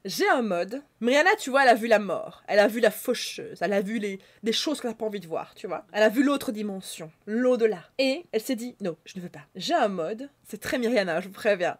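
A woman giving gushing, excitable commentary to her viewers as she plays a life-sim game. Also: medium pitch, brisk, hardly any pauses. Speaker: gaming YouTuber. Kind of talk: casual Let's Play commentary.

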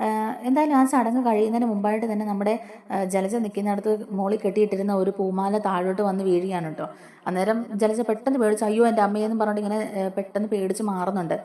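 Fast-talking woman retelling a serial. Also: medium pitch, steady tone, dark tone. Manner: chatty retelling, often adding tag words to the listener. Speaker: serial recap host. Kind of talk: casual spoken recap of a TV serial episode.

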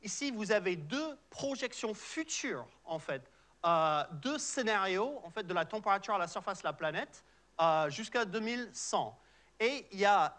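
In a big auditorium, a researcher delivers a public science lecture: a middle-aged man from Canada speaking native English with an English-Canadian accent. His high-pitched voice is a bit bright, and his patient explanations are full of fillers and restarts.

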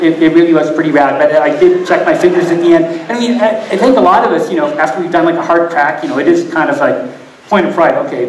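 An older man narrates slides in a loose, self-deprecating ramble, chuckling as he goes, his voice sitting a bit high. He's caught from a distance in an echoey hall, with clear noise behind him. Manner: rambling, self-deprecating, laughing through stories. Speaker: presenter at a climbing event. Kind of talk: live slideshow talk with anecdotes. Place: event hall with live audience. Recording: echoey hall audio from far off.

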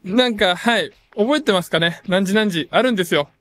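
A man hosting a late-night radio show, reading listener messages in playful, self-mocking banter and jumping suddenly into higher tones. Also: fairly quick, a bit bright. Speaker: radio host. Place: radio studio. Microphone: studio microphone.

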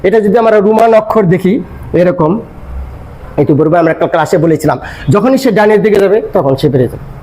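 A man's voice: high-pitched, expressive, fairly quick, mellow. An older man explaining grammar step by step, asking questions and then answering them himself. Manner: explanatory, asks and answers his own questions. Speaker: grammar teacher. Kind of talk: classroom-style grammar lesson.

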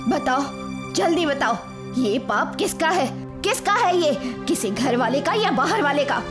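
A woman's voice: high voice, sing-song, a little slow. A woman voicing a hot-tempered middle-aged mother who scolds and commands her grown sons, in a film dub. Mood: demanding. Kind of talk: Hindi film dub acting. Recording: film dub with loud music.

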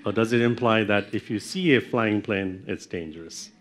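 A man's voice: fairly low pitch, normal speed. Man lecturing to a room. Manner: explanatory, asks the audience questions. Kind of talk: university lecture.

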